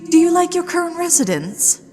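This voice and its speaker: A woman's voice: extremely high pitch, sing-song, fairly quick, mellow. A woman playing a flirtatious, mischievous, genteel ghost lady of a haunted manor in an ASMR roleplay, with a coy, aristocratic, teasing delivery. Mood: flirtatious, curious. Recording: long echoing reverb with music behind. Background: music.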